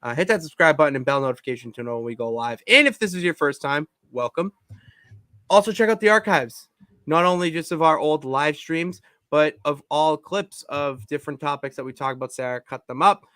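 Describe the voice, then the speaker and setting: A man co-hosting a podcast from his home basement, talking in an excitable, rambling way with many restarts. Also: fairly high pitch, fairly quick, no echo, clean studio sound. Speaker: podcast co-host. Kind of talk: casual chat.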